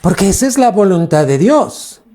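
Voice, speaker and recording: A man's voice: high voice, very animated, moderate pace, mellow. A man, a pastor preaching a teaching sermon and quizzing his congregation with questions.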